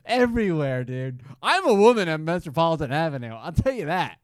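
A man's voice: a little high, brisk, no room sound. A man co-hosting a podcast, joking and riffing in casual comedic chat. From New York. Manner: animated, joking, riffs with laughter. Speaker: podcast co-host.

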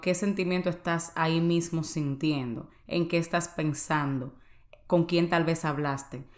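A woman's voice: low-pitched, roomy sound. A woman hosting a podcast, sharing a personal testimony in an earnest, confiding way and speaking directly to the listener. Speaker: podcast host.

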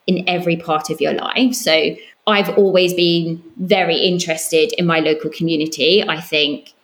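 A woman's voice: lowish voice, fairly even intonation, normal speed. A woman with an Essex accent gives long, flowing, earnest and emphatic answers in a conversational interview. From Southend, Essex, England. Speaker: podcast guest, communications professional.

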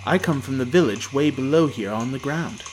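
A plucky, poor young boy from a fairy tale, eager and earnest, sounding a touch higher than the reader's own voice, as the storyteller plays him. His speech has a lively rise and fall. A faint hiss sits underneath. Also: moderate pace, natural voice.

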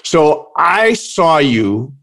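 A man's voice: on the high side, big pitch swings, drawn-out words, fairly bright tone. A man hosting a pop culture podcast, chatting casually and introducing his guest with upbeat energy. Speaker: podcast host.

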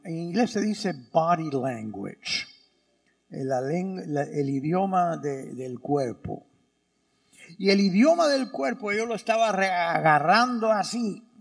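A middle-aged man, a priest giving a sermon and telling a story, with pauses for emphasis and voices for the people he quotes. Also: high-pitched, vocal fry. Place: church. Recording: long church reverb.

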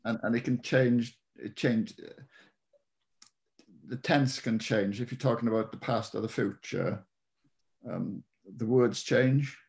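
A man's voice: mid-range voice, takes it slowly, vocal fry, long pauses, a little mellow. A Welsh man, an author being interviewed, chatting casually and hesitantly with a Welsh accent. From Wales. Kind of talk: casual chat.

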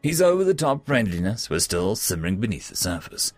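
A man's voice: fairly low pitch, big pitch swings, a little fast, no room sound, faint music behind. A man narrating a fantasy story as a storyteller.

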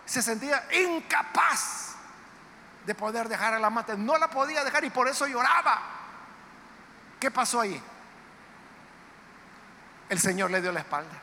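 A man preaching a sermon in a church, emphatic and dramatic, with sudden loud outbursts. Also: extremely high pitch, animated, normal speed, pauses often. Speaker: pastor. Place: church sanctuary. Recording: reverberant church hall, faint background noise.

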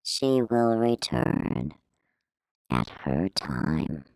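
A calm, cryptic male creature from a whispered storybook speaks in a low, solemn murmur, as a woman puts him on. His words come at a crawl. The sound is close and dry. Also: no room sound, full character voice. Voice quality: deep, slow, distant murmur. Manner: solemn, measured, mysterious.

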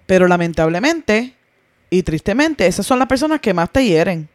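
A woman's voice: mid-range voice, big pitch swings, normal speed. A woman co-hosting a podcast in casual chat, who talks through examples and questions things. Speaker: podcast co-host.

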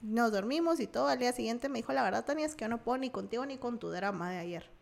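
Speaking fast in a fairly high, gravelly voice, this young woman from Guatemala shares a personal story on a podcast with her Guatemalan Spanish accent. Her casual storytelling is lively, and she performs the quoted voices of the people involved.

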